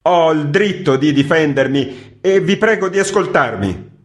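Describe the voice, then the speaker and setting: A man's voice: on the high side, expressive, moderate pace, pitched above the performer's own voice, close to an everyday voice. A man voicing an agitated male newspaper editor who protests in a raised, defensive voice. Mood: insistent.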